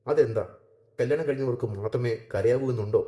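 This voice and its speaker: A man's voice: medium pitch, a little fast, dark tone, lightly acted. A man reading as a sulky, hurt young woman. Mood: bitter. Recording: echoey room.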